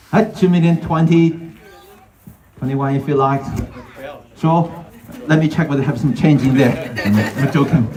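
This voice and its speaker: A man working as a real estate auctioneer, calling out bids in repeated short phrases to buyers like a showman. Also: on the high side. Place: live property auction before gathered buyers. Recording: echoey, picked up from a distance.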